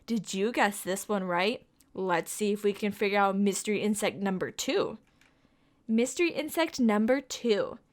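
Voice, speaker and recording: This young woman, a children's storytime reader, reads a picture book aloud to kids at a moderate pace. Her medium-pitched voice is animated, and she asks the listeners questions in a sing-song, coaxing way.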